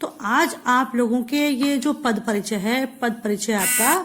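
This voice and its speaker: Woman from India, grammar teacher, fairly high voice, patient, step-by-step explanations. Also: heavy background noise. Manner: patient, step-by-step, reads examples slowly. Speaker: Hindi teacher. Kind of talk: grammar lesson explaining examples.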